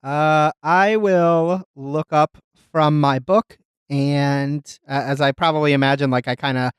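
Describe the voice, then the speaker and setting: A man's voice: a little high, fairly even intonation, unhurried, clean tone, no echo, clean studio sound. A man playing a tabletop game, hesitant and thinking aloud. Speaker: player.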